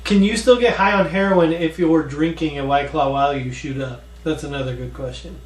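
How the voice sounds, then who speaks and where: A man's voice: a little high, steady tone, a little fast. A man co-hosting a drink review in casual, joking banter with a dry delivery. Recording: roomy, distant mic, faint noise.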